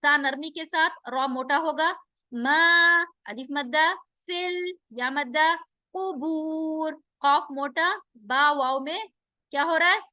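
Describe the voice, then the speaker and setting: A woman with a high, bright voice teaches a recitation lesson. She stretches each verse out slowly and tunefully, then breaks down the pronunciation rules and asks her students questions. The sound is close and dry. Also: no room sound. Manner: switches between drawn-out melodic recitation and quick explanation; quizzes students and affirms answers.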